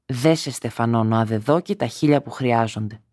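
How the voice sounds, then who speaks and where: A man's voice: medium pitch, darkish tone, dry recording, clean studio sound, close to an everyday voice. A man reading a story aloud and voicing a proud young man who speaks curtly and harshly. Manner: curt and harsh. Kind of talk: audiobook character reading.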